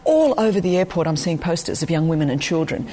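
Speaking fast with a warm, low-pitched voice and lively intonation, a Greek-born ministry leader in her forties with an Australian accent tells her life story as an interview guest. She is earnest and personal, often saying um, and there is slight background noise.

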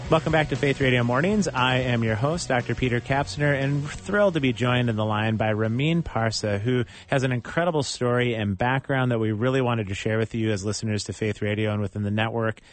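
Male radio host, upbeat studio delivery, mid pitch. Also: fairly quick, hardly any pauses, faint music behind. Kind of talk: morning radio hosting.

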